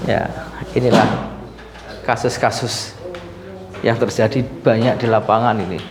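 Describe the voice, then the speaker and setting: A man's voice: fairly low pitch, flat delivery, takes it slowly, long pauses, background noise. A man working as a sports injury masseur, teasing and laughing as he questions a patient during a treatment demo. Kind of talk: treatment demo with talk to camera.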